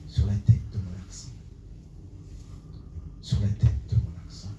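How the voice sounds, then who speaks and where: A man's voice: unhurried, highs cut off. A man performing slam poetry on a small theatre stage before a live audience, declaiming in rhythmic lines with half-sung refrains and then chatting with the crowd. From Comoros. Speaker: slam poet. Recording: roomy, distant, noisy live room.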